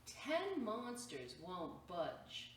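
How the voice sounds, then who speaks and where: At a library storytime, a woman reads a picture book aloud slowly in a mid-range voice. She's expressive and exclaims often, pausing to point out pictures and make asides to the children, and the distant mic picks up a roomy echo and faint noise.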